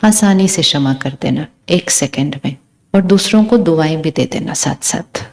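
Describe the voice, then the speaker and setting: A woman's voice: sits low, normal speed, darkish tone. A woman giving a spiritual talk to a live audience, asking them questions and calling out words one by one. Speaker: spiritual speaker.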